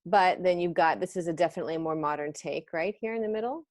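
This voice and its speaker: Woman in her fifties, host, rambling fashion chat over a video call, voice sits a bit low. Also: fast talker. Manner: chatty and rambling, trails off mid-sentence.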